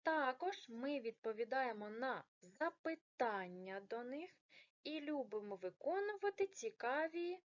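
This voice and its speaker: A woman with a fairly high voice teaching young children in a recorded video lesson. She talks them through each task and draws out stressed syllables slowly and deliberately. The audio is a little dull and lo-fi. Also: sing-song. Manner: slow, exaggerated stress on words. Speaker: primary school teacher.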